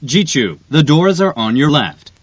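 Very slow man's train announcement. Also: a little high, big pitch swings, no room sound. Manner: formal, deliberate, clearly enunciated. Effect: train announcement over onboard speaker. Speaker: subway announcer. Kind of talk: recorded onboard train announcement. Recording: dull, dry lo-fi recording.

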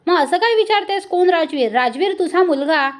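A woman's voice: very high voice, animated, a little fast. A woman voicing a worried older mother pleading anxiously on a phone call.

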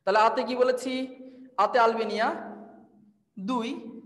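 High-pitched Bangladeshi man quizzing students. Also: fairly even intonation, takes it slowly, fairly bright tone, echoey room, long reverb tail, low-quality recording. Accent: Bangladeshi Bengali. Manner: drills students with call-and-response questions; teaches memory tricks through playful storytelling. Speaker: admission test tutor. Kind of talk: online class lecture.

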